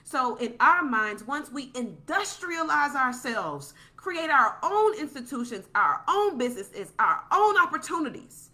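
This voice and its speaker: A woman speaks with a high, bright, forceful voice in a passionate, preachy podcast monologue. She circles back and repeats her points for emphasis, building to a soapbox pitch. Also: very animated, measured pace, hardly any pauses.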